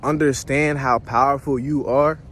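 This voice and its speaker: A man's voice: mid-range voice, fairly even intonation, moderate pace, fairly bright tone, a little hiss or hum. A man rambling and philosophizing in a casual, profane walk-and-talk vlog, out of breath from walking outdoors by a pond and filming himself on a phone. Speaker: vlogger.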